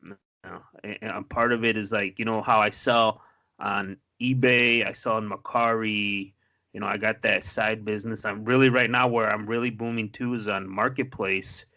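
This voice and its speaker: A man's voice: lowish voice, steady tone, normal speed, sharp tone. A married man co-hosting a podcast, telling a story in loose, profane casual chat with lots of fillers and restarts. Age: adult, married. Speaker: podcast co-host.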